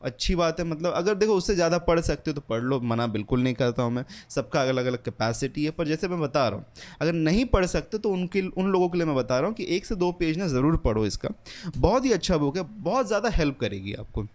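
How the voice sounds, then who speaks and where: This English teacher is a young man whose darkish voice sits on the high side, delivered at a quick, animated pace. In his casual lesson with a book recommendation, he goes over his points again and again in Hindi mixed with English words.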